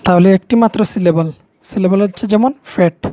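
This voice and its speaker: A woman's voice: lowish voice, fast talker, mellow, no echo. A woman with a Bengali accent, patiently explaining English grammar to students step by step, repeating key words. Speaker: teacher.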